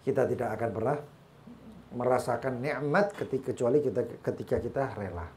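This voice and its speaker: A man's voice: mid-range voice, fairly quick, darkish tone, a little hiss or hum. A man with a Javanese accent teaching an Islamic study session, weaving Arabic quotations and humorous asides into his sermon. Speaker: religious teacher.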